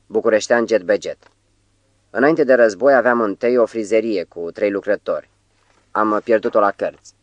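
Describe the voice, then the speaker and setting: A man doing a calm, cynical ex-barber soldier. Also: on the low side, dry recording, highs cut off, natural voice. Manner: calm, offhand, matter-of-fact.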